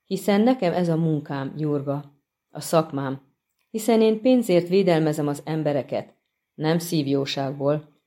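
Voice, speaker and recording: A brooding swordsman who hunts monsters, terse and low-key, each word held back, as a woman reads him in an audiobook. Her voice is pitched lowish and sounds dark and mellow. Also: close to an everyday voice. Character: grim, weary male monster-hunter swordsman. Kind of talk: audiobook reading.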